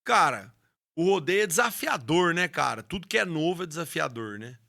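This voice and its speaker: A man's voice: fairly high pitch, big pitch swings, moderate pace, vocal fry, bright, forceful tone. A man, a rodeo announcer and horse trainer telling his story with passion in an interview, often restarting his words. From Brazil. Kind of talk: interview conversation.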